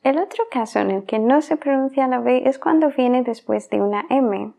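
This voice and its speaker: A woman's voice: high voice, creaky, dark tone. A woman whose first language is English, teaching a pronunciation lesson in a podcast and patiently repeating each example word. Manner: patient, explains then repeats example words slowly.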